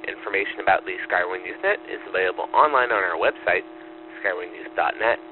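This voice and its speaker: A man running a ham radio net, acknowledging check-ins in steady, formal phrasing, heard as a radio transmission with static. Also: sits low, fairly quick. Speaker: net control operator. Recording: tinny radio line with static.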